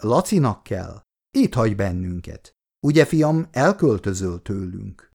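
A male reader voicing a mild, peacemaking elderly father who speaks softly. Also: fairly low pitch, very animated, vocal fry, heavily acted. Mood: soothing. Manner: soft, soothing. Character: gentle, peacemaking old father.

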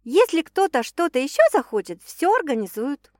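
A woman voicing a cheerful young woman who hosts a night out with friends, brisk and a bit evasive, in a lively, dry recording. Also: high-pitched, no echo, voice pushed up. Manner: brisk, upbeat, a little evasive.

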